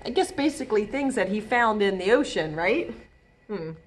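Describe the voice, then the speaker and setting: Reading aloud to young children in a small library room, a middle-aged woman speaks expressively and stretches out key words for emphasis. She has a mid-range voice with lively intonation and a moderate pace.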